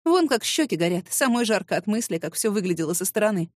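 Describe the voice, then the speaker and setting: A woman narrating a first-person audiobook in a lively, sassy, mock-indignant manner. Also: mid-range voice, fast, no room sound.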